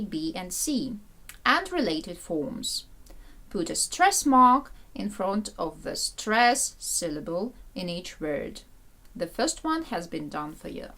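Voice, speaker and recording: A woman teaching English medical vocabulary, explaining in her own language and repeating English terms slowly and carefully. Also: medium pitch, a bit bright. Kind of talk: bilingual vocabulary lesson.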